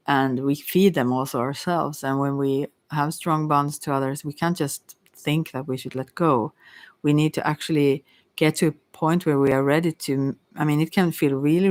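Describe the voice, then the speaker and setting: In a mid-range voice with no echo, a tarot card reader chats casually with listeners, rambling along in a halting way and regularly stumbling over words.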